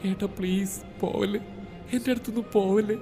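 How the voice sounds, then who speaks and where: A man's voice: fairly even intonation, fairly quick, big-room sound, faint music behind. A man putting on a frightened young woman patient. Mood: tearful pleading. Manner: pleading, tearful, high and soft.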